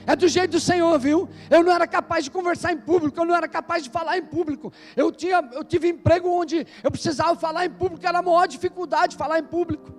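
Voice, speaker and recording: A man's voice: extremely high pitch, fairly even intonation, fast, few pauses, faint music behind. A man pastor preaching an emphatic sermon in a church service, calling out to the congregation.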